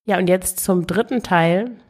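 A woman speaks alone on a podcast in a somewhat low voice. She explains things calmly and addresses the listener directly. She often breaks off and restarts her phrases. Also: unhurried. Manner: frequent self-corrections and restarts. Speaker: podcast host and weight coach. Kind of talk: solo podcast monologue.

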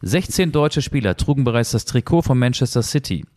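A man co-hosting a relaxed football podcast. He answers quiz clues with brief guesses of player names, then sets his own question in an easy, conversational way. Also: medium pitch, fairly quick, no room sound, clean studio sound. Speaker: podcast co-host. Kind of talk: casual football quiz chat.

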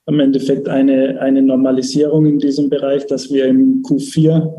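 A man's voice: mid-range voice, level tone, moderate pace, warm tone, highs cut off. A man, a company finance chief giving a cautious, hesitant outlook in an interview. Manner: hesitant, repeating words.

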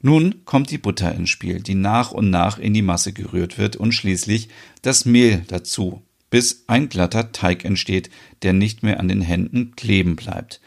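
A man narrates a podcast soap opera in a calm, even reading voice. His voice sits on the low side. He reads very slowly and takes his time with every step. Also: gravelly.

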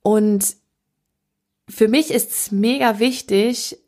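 A woman's voice: fairly high pitch, extremely slow, warm tone. A woman coach talking casually about handling emotions, often quoting her own self-talk. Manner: conversational, self-correcting, with quoted self-talk. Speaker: happiness coach.

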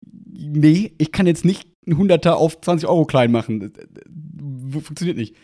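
A man hosting a podcast in casual chat, telling a story with lively acted-out dialogue. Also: a little high, normal speed. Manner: animated anecdote telling, acting out quoted dialogue. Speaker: podcast host.

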